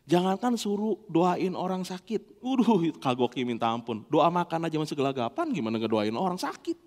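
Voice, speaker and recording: Pastor, high and very animated, playful sermon delivery, long church hall reverb. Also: male voice, normal speed. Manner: animated, playful, acts out dialogue. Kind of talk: lively sermon with humorous anecdotes.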